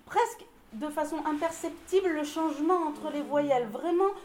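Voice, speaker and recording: A woman's voice: sits high, normal speed, darkish tone, reverberant, a little hiss or hum. A woman leading a choir rehearsal, encouraging the singers and explaining vocal exercises, sometimes singing examples. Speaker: choir director.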